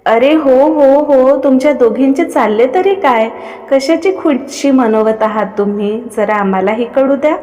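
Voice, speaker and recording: A woman's voice: sits high, measured pace, mellow. A woman voicing a friendly, cheerful dance studio owner. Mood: curious. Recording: long reverb.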